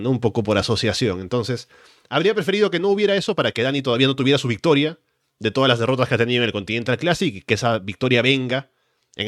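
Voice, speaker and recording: A man's voice: mid-range voice, fairly bright tone, dry recording, studio quality. A man hosting a wrestling podcast, talking in conversational sports commentary.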